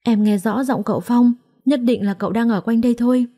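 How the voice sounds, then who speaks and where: A gentle young wife, twenty and grieving, as a woman storyteller voices her. She speaks softly and in a subdued way. Her voice is warm and mellow. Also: fairly high pitch, brisk, lightly acted.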